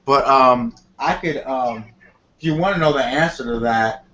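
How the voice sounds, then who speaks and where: A tarot reader on a call-in show, this man explains things casually and off the cuff, rambling and repeatedly asking "you know what I mean" to check he's understood. His mid-range voice is fairly bright and moves at normal speed, heard through dull lo-fi audio with clear noise.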